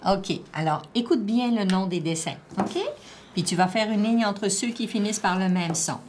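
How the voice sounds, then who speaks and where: A woman teacher with a Québécois French accent, slowly and patiently prompting a child through a one-on-one reading assessment. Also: mid-range voice, a little mellow. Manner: slow, patient, drawn-out word-by-word prompting. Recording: faint background noise.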